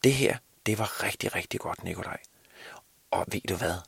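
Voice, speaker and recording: Storybook Santa, old and kindly, encouraging coach, booming and husky, put on by a man. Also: a bit bright, dry recording, full character voice.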